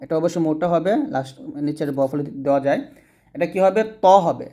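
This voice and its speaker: A man leads a Quran reading lesson in a fairly high voice. He says each letter sound slowly and more than once, patiently, so learners can repeat it after him. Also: warm tone. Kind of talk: teaching lesson.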